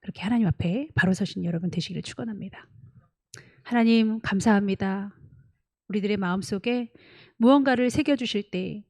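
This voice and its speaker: A middle-aged woman pastor preaching a sermon, animated, acting out dialogue with her daughter in different voices. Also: medium pitch, a little fast. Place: church sanctuary.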